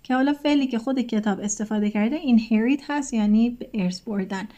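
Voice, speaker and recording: A woman with a Persian accent, teaching English vocabulary in a casual lesson. She goes slowly and carefully and reads the English examples word by word. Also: on the high side, mellow. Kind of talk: casual lesson talk, translating words one by one.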